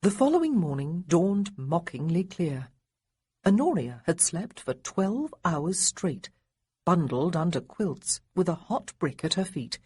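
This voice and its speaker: A woman narrating a historical romance audiobook in an expressive storytelling manner. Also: on the low side, a little slow, slightly rough. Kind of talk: scripted narration.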